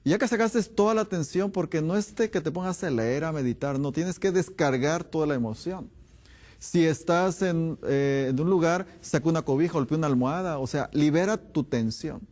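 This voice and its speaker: Lively man lecturing with rhetorical questions. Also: a little high, moderate pace. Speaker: doctor giving a health talk. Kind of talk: health lecture to an audience.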